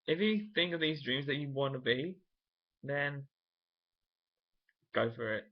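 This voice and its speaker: A young man chatting casually to his camera, wandering from thought to thought and restarting his sentences as he goes. His voice sits at an ordinary middle pitch, and the recording has a dull, lo-fi home sound. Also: measured pace. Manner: rambling, thinking aloud with many restarts. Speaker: vlogger. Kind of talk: casual vlog chat.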